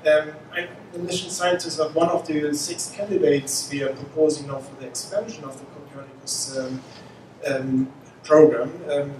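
Man, 40s, panel talk, halting, fillers, handheld mic, noisy echoey hall. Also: fairly high pitch, recorded from a distance. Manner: halting, many fillers and restarts. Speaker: panelist, mission scientist. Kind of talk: conference panel remarks. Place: conference room, indoors.

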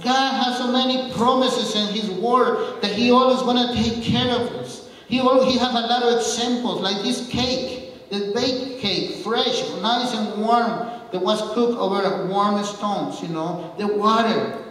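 Male preacher with a high voice who tells stories earnestly, recorded from a distance in a roomy hall. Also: a little slow, a bit bright. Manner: earnest storytelling, quotes the speech of others. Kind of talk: sermon. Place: church. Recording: echoey hall from far off.

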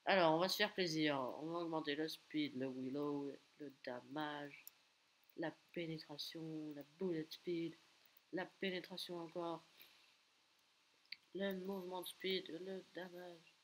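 A man rattles off live gameplay commentary at his computer, excitable and loud in bursts. He taunts the players around him and lets off strings of repeated exclamations. The line carries a faint hiss underneath. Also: fairly high pitch, unhurried, low-quality recording. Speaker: gaming video creator.

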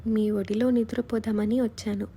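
A shy young woman confides in a soft, bashful whisper, as a woman narrator voices her in a whispered role-play. The voice is husky and mellow, pitched a little high, and close and hushed throughout. It plays like a spoken audio story. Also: little pitch movement, normal speed.

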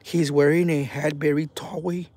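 A man hosting a live ghost-hunting stream outdoors at night, talking excitably in slang and reading viewer comments aloud. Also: fairly high pitch, normal speed, no room sound. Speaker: paranormal livestream host.

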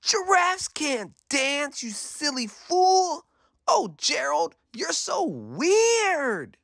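A man voicing a crowd of jungle animals in a high, squeaky, sneering voice for a storybook. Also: wildly swooping pitch, very slow, creaky, fairly bright tone, dry recording, studio quality, heavily acted. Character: jeering crowd of jungle animals, shrill and mocking.

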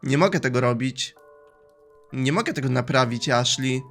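A weary young man from a video game, as a streamer voices him, speaking low and flat and sounding worn out. The voice sits below the streamer's own pitch but keeps a bright tone. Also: moderate pace, soft background music. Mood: despairing. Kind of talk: dubbing a game character.

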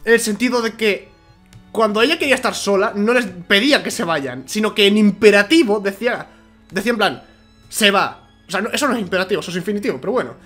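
A man from with a cold commentating a video game at a home microphone, half-shouting and rambling. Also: high voice, expressive, quick pace, soft background music. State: has a cold. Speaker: gamer. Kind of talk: let's play commentary.

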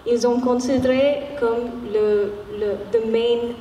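A young woman with a foreign accent in French, not a native speaker, talking haltingly and searching for words on a panel. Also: a little high, steady tone, dark tone. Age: young adult. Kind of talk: unscripted panel talk. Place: large warehouse hall with seated audience. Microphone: handheld microphone. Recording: echoey hall, distant, background noise.

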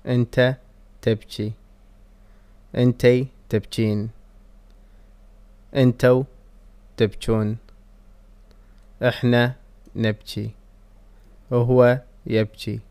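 Man, Kuwaiti accent, language teacher, unhurried delivery, mid-pitched voice. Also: a little mellow, clean tone. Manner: slow, deliberate word-by-word reading. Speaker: Arabic teacher. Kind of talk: reading vocabulary drills.

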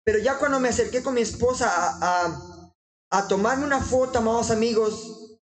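A man preaching informally in an earnest, exhorting way, often halting and restarting his sentences. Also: extremely high pitch, poor audio.

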